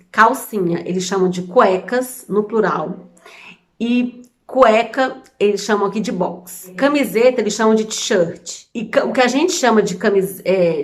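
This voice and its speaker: A Brazilian woman in her thirties with a Brazilian Portuguese accent, chatting casually to camera as a vlogger, amused and full of examples. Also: mid-range voice. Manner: chatty, amused, explains with many examples and restarts. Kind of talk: casual explainer chat to camera.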